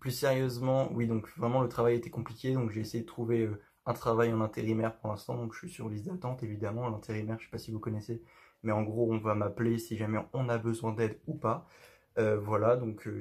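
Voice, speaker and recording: A man's voice: fairly low pitch, level tone, fairly quick, a little mellow. A young man talking casually to camera in his bedroom, rambling with lots of fillers and restarts. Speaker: youtuber.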